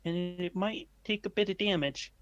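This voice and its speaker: A man's voice: sits high, moderate pace, fairly bright tone, no echo, highs cut off, voice pushed up. A man voicing a kindly, saddened old talking tree in a tabletop game. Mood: earnest. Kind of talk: tabletop role-play.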